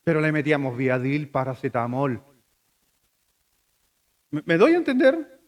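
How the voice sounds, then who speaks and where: A man's voice: fairly high pitch, wildly swooping pitch, unhurried. A middle-aged man with a Chilean accent preaching a sermon in a conversational way, asking the congregation rhetorical questions and sometimes breaking off to restart. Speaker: pastor.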